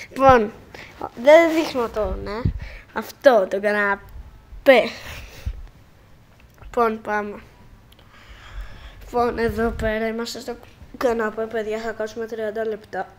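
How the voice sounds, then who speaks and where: A woman's voice: fairly high pitch, steady tone, pauses often, slight background noise. A woman vlogging casually from a couch at her grandmother's house, with hiccups cutting off her words and English slang thrown in. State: has hiccups. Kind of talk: casual vlog chat.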